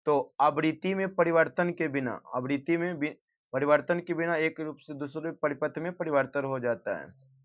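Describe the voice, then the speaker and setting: A man's voice: a little high, normal speed. Man reading out exam practice answers. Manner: reads questions then gives answers, self-correcting. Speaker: teacher. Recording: dull lo-fi recording.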